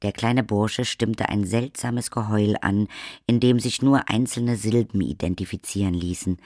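A man reading the narration of a fantasy audiobook in a measured storytelling manner. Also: on the low side, fairly even intonation, darkish tone, dry recording, studio quality. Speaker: audiobook reader. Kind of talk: scripted narration.

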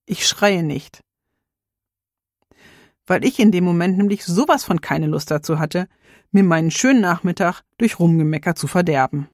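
A woman, a mother, reading her own story in a quiet, reflective way. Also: on the low side, expressive, a little fast, no room sound, studio quality. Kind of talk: scripted personal narration.

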